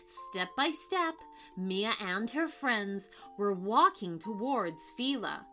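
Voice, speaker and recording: Female children's storyteller, expressive, unhurried, bright high voice, music behind. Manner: expressive, dramatic. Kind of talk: scripted children's story narration. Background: background music.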